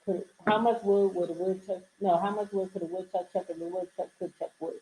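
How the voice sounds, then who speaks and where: A woman's voice: on the low side, fairly even intonation, a little fast, mellow, poor audio. A woman co-hosting a casual podcast chat, laughing as she stumbles through tongue twisters. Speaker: podcast co-host.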